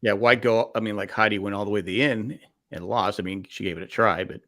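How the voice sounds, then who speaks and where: A man's voice: lowish voice, steady tone, fast talker, bright, forceful tone. A man co-hosting a casual podcast, making wry remarks and often restarting his words. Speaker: podcast co-host. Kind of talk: casual recap chat.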